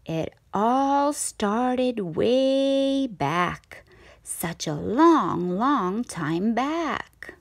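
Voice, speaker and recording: A woman reading a children's story aloud as a storyteller, with dramatic, deliberate phrasing. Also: fairly high pitch, expressive, gravelly, no room sound, clean studio sound. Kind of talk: expressive children's read-aloud.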